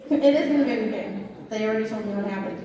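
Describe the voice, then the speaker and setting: A woman acting as a volunteer auctioneer at a live fundraiser, playfully joking and chanting bids in quick repeats. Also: mid-range voice, very noisy. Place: large event hall at a fundraiser. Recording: echoey hall, voice from far off.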